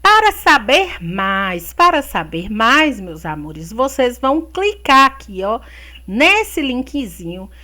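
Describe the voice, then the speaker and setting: Brazilian woman teacher, Brazilian Portuguese accent, affectionate, slow and bright, singsong. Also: a little high, sing-song. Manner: affectionate, uses diminutives and endearments. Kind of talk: remote class guidance.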